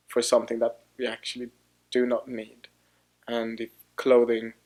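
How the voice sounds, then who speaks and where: Flat-toned man in his thirties. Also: mid-range voice, rough recording. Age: 30s. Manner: halting, many restarts and "you know" fillers. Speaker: fashion designer. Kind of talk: documentary interview.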